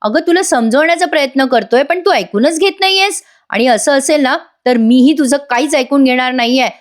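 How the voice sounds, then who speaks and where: A woman voicing a lying young husband who turns indignant and shouts back when questioned. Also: sits high, fairly quick, lightly acted. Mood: angry. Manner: indignant, raises voice.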